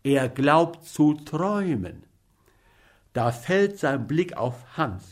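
A man narrating a story aloud with measured, theatrical delivery. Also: a little high, very animated. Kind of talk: dramatic story reading.

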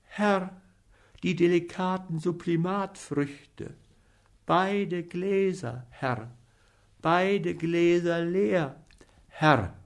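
A man's voice: high-pitched, very slow, long pauses, voice pushed up, heavily acted. Man doing a feeble, whining servant boy. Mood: feeble pleading. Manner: plaintive, feeble and pleading. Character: whiny, gluttonous young male servant.

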